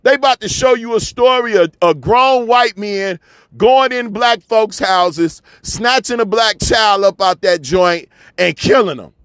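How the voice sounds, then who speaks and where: A man's voice: high voice, fairly bright tone, smooth, no echo. A man from Chicago delivering a fiery, repetitive, preachy monologue rant, often swearing as he hammers his points home. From Chicago, USA. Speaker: commentator.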